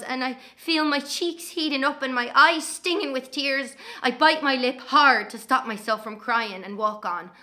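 A woman's voice: on the high side, sharp tone. An actress playing an angry young Irish woman, telling of walking home at night in a dramatic monologue.

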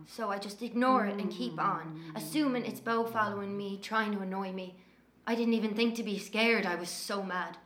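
A woman's voice: mid-range voice, moderate pace, a bit bright, a little hiss or hum, close to an everyday voice. An actress playing an angry young Irish woman, telling of walking home at night in a dramatic monologue.

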